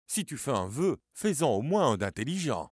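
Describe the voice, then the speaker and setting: A man's voice: medium pitch, sing-song, normal speed, husky, no echo, clean studio sound. A man doing a solemn warning elder. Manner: solemn, serious.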